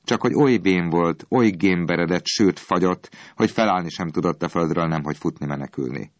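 A man tells a storybook tale in an expressive, dramatic way. His voice sits very low. The recording is dry and close, with no room sound. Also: no room sound. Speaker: narrator. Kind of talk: storybook reading.

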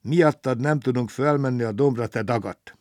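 A grumpy storybook engine driver who shouts and scolds in a raised, higher voice, as a man acts him out. He is quick to anger and bellows his orders. The sound is dry and close. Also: dry recording, close to an everyday voice. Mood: angry. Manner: shouting, indignant.

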